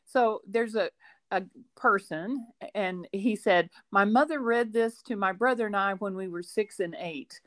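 Speaking at a measured pace in a mid-range voice, this woman, a teacher by profession, shares meandering, warm anecdotes full of asides on the book podcast she co-hosts. Laughter comes often.

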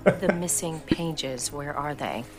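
A woman's voice: low-pitched, takes it slowly, over music. An actress playing a controlling, menacing mother who is secretly an evil queen in a television drama. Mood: cold, wounded.

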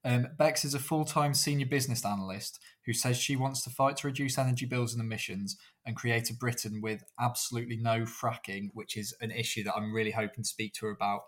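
A man's voice: mid-range voice, a bit bright. A man hosting a political podcast, introducing his guest and asking friendly questions. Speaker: podcast host, political editor. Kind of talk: podcast interview.

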